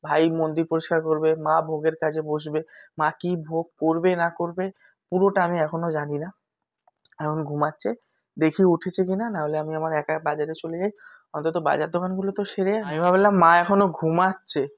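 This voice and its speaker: A man's voice: fairly high pitch, flat delivery, normal speed. A young man chatting casually to his viewers in a family vlog. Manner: chatty, talks to the audience. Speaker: vlogger.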